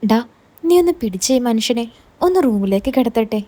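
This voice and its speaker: Bitter, worn-down aunt with a mellow, fairly high voice, sorrowful and resigned, as a woman reads her. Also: lively intonation, fairly quick. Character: middle-aged woman, weary, bitter aunt.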